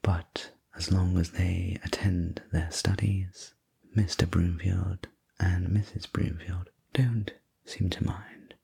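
Male sleep story narrator for whispered role-play: courteous manor servant, very breathy, unhurried and soothing. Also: low voice, level tone, warm tone.

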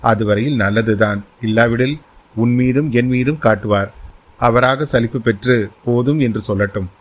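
Steady older nobleman in an audio story, measured and advising, voiced by a male narrator. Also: medium pitch, natural voice. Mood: calm.

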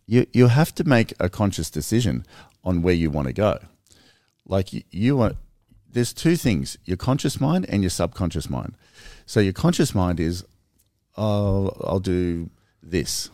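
A low-pitched man talks through his ideas in a relaxed podcast chat, earnest and animated, often restarting mid-sentence. The sound is dry and close, with no room around the voice. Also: moderate pace, dry recording. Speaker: podcast co-host. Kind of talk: casual conversation.

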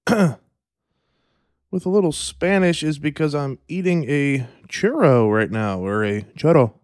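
A man hosting a solo podcast in a relaxed, rambling way, with fillers and throat clearing, eating and sipping coffee at the mic. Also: medium pitch, no room sound, clean studio sound. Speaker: podcast host. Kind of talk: casual solo podcast talk.

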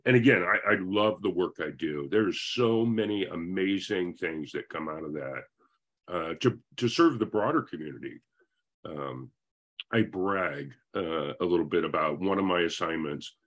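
A man's voice: sits low, lively intonation, a little slow, fairly bright tone. A man in his fifties from Northern California, a guest telling his life story in a friendly, rambling way over a video call. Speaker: interview guest.

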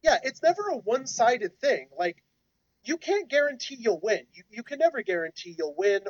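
Speaking at a moderate pace, a thirty-something podcast co-host uses a medium-pitched voice that rises and falls widely. They mix humor, reflection, and advice in casual conversation, captured in dull, dry lo-fi audio.

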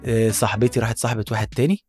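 An Egyptian man voicing a gloomy, broken male superhero in a low, gruff voice, with an Egyptian Arabic accent. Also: fairly even intonation, very fast, a little mellow, soft background music, natural voice. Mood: despairing.

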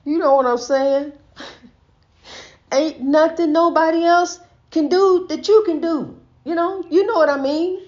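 This host has a very high-pitched voice with a darkish tone, speaking at a measured pace. She says she stutters and gives a casual, folksy inspirational talk in monologue form, repeating herself and addressing the listener as honey, captured on a dull lo-fi recording.

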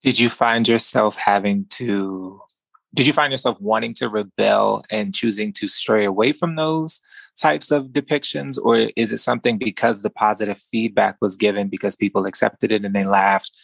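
A man hosting a podcast asks measured, thoughtful questions. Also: lowish voice, steady tone, vocal fry, breathy edge, no room sound. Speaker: podcast host. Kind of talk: interview questions.

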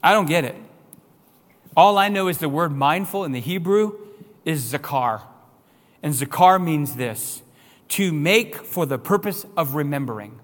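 A man's voice: a little high, expressive, a little slow, long reverb tail. A man preaching a sermon as pastor, building to emphatic raised-voice questions. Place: church sanctuary.

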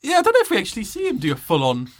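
A man's voice: high-pitched, huge pitch swings, very fast. A man co-hosting a podcast, joking and asking playful questions in casual chat. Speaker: podcast co-host.

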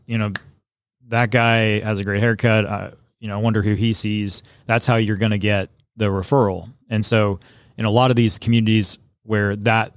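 A man's voice: on the low side, no echo, studio quality. A man co-hosting a podcast, explaining things in a casual, conversational way. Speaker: podcast co-host. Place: podcast studio.

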